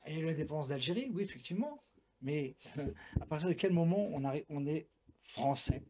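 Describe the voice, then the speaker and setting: A French man in his sixties, a Muay Thai boxer and coach, talks frankly and emphatically on a talk show, repeating himself for weight. His voice is fairly high, animated, and a little fast, with a noisy background.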